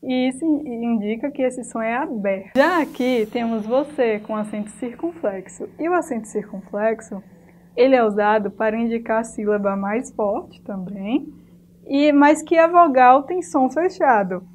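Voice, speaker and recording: A fairly high-voiced woman teaches a recorded lesson for young pupils. She speaks patiently, slowing down to draw out each example word, then checking in with the class. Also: a little mellow, low-quality recording. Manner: patient, stretches out example words slowly. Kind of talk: recorded online class for children.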